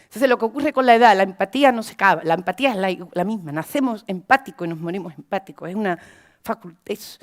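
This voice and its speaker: A woman lecturing teachers, telling classroom anecdotes in an animated, emphatic way with lots of repetition. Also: mid-range voice, quick pace.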